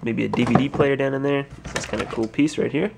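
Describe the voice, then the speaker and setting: Gravelly man musing over storage finds. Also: medium pitch, fast, noisy background. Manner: musing, thinking aloud while sorting. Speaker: resale store owner. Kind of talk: casual narrated unboxing vlog. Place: cluttered indoor stock room. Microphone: handheld or head-mounted camera.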